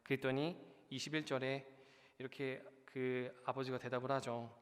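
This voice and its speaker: A young man preaches as junior pastor in a church sanctuary, earnestly addressing the congregation and building to emphatic peaks. His mid-range voice stays level at a normal speed, with long church hall reverb around it.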